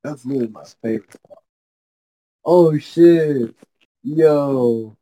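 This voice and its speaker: A young man co-hosting a podcast, chatting in a relaxed way and laughing often. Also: a little high, slow, rough recording. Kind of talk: casual chat.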